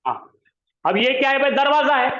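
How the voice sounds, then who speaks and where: Guy teaching a class, pretty high voice, keeps getting ppl to repeat after him, echoey lo-fi sound. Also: lively intonation, normal speed, pushed and bright. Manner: coaxing students to repeat words aloud. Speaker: Arabic grammar teacher. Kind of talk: classroom lesson. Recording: roomy, dull lo-fi sound.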